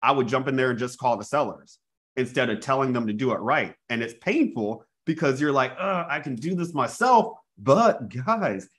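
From a small indoor room, a man in his thirties runs a live real estate coaching webinar over a video call on an earphone mic. He talks energetically at normal speed in a medium-pitched voice, repeatedly calling out "guys" to his audience and restarting phrases.

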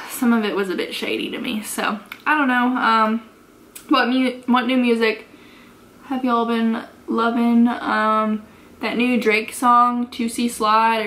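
A woman's voice: on the high side, fairly bright tone. An American woman in her twenties chatting casually through a makeup tutorial, giggly drunk, rambling and swearing freely. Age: 20s. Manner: sweary, unfiltered. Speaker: beauty vlogger. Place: carpeted bedroom, indoors.

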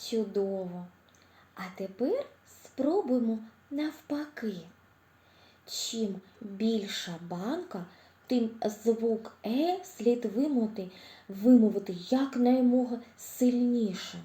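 A woman speech therapist with a Ukrainian accent giving a slow, clear lesson for small children, cheerful and encouraging, pronouncing each sound with care. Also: on the high side, expressive, echoey room. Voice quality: articulates sounds with care, drawn-out vowels. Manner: drops to a whisper to show quiet sounds. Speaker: speech therapist teaching preschoolers.

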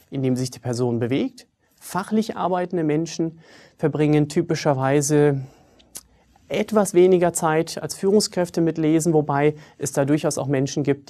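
A man in his thirties who grew up in Germany, working as a trainer, delivers a scripted video lecture in a lively, wry, self-ironic manner. His voice is fairly high. He was recorded on a clip-on mic in a studio with a virtual library backdrop.

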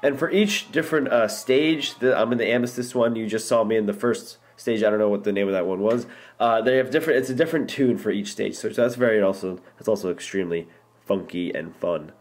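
Filming a phone screen indoors, a young male app reviewer gives a casual gameplay walkthrough in a lowish, brisk voice. His talk is eager and meandering, peppered with ums and false starts.

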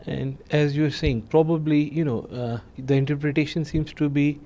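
A man hosting a TV interview, asking questions in a measured, hesitant way with many fillers. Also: fairly high pitch, fairly even intonation, warm tone. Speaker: talk show host. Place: TV studio.

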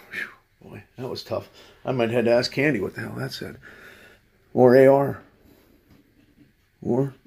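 A man's voice: medium pitch, vocal fry, a little mellow, husky. A man hosting his own lottery video, talking to himself in a wry, sarcastic running commentary as he scratches tickets. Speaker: channel host.

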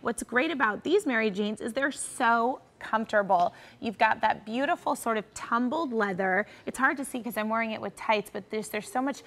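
American woman demonstrating products, fairly high voice. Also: normal speed, few pauses, a bit bright. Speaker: shoe presenter on home shopping show. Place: large TV shopping studio.

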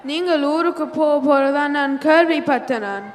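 A woman's voice: sits high, animated, moderate pace, big-room sound. A woman playing a nosy neighbour man. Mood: teasing. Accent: Sri Lankan Tamil. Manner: teasing, prying. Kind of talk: amateur stage play.

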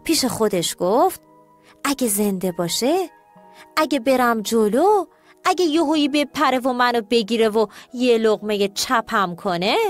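A woman narrating children's stories in a scripted, animated way, talking directly to the kids. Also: on the high side. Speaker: storyteller. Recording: soft music bed.

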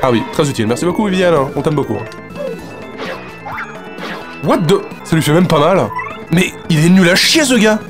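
A man's voice: on the high side, expressive, normal speed, long pauses, over music. A man hosting a French let's play, joking, swearing and reading the game's lines aloud as he goes. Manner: profane, sarcastic, swings between mutters and outbursts. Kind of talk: casual gameplay commentary with voiced dialogue.

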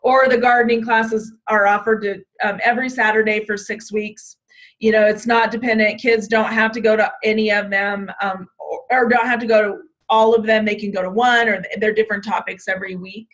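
A woman's voice: medium pitch, flat delivery, brisk, a bit bright. A woman giving an online orientation to youth program staff. She talks conversationally with frequent ums and restarts, and her voice is getting tired. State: losing her voice. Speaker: state 4-H program leader.

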